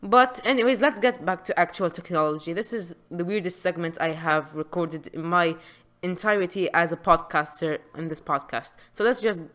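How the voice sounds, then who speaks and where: A woman's voice: fairly low pitch, normal speed, fairly bright tone. A woman hosting a casual tech news podcast, chatty and informal, often stumbling and restarting her sentences. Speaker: podcast host.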